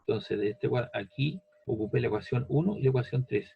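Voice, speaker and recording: A man's voice: medium pitch, expressive, a little fast, gravelly, husky, highs cut off. A man teaching a physics lesson step by step, patient, repeating each step and checking that the student follows. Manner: patient, repeats steps, asks "¿ves?" and "¿cierto?".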